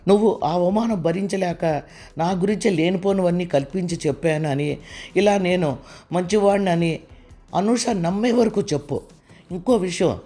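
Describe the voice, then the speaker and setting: A man's voice: sits high, mellow. A man reading a cruel young male blackmailer who threatens and commands in an audiobook, over faint music. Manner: menacing, commanding.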